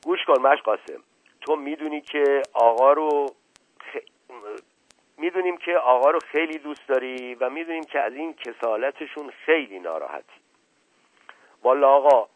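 A man's voice: medium pitch, no echo, natural voice. A male narrator voicing a worldly middle-aged prince who coaxes and persuades, on a tinny lo-fi radio recording. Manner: coaxing, persuasive.

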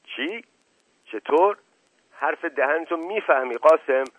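A man's voice: mid-range voice, lively intonation, no echo, lightly acted. A man voicing a proud, paranoid older head of the family who speaks sternly and indignantly, on a tinny radio recording. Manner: stern, indignant, slow and weighty.

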